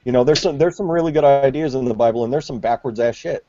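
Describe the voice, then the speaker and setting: A man's voice: medium pitch, quick pace, mellow, slight background noise. A man in casual chat, speaking in a laid-back, blunt and crude way. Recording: dull, lo-fi voice chat.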